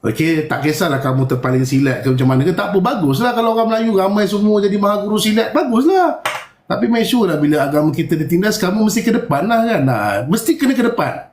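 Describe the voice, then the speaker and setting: Malaysian-accented man, fairly high voice, casual live-stream chat, blunt, firm, echoey room. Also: lively intonation, quick pace, few pauses, a little mellow. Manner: blunt and self-described firm, mimics people. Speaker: live-stream host sharing experiences.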